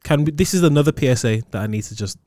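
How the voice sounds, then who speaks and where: A man in his twenties with a London roadman accent, Multicultural London English, banters casually in heavy slang, punctuating with "bro" and "innit." His voice is on the high side, animated, very fast, and warm. The recording is dry and studio quality.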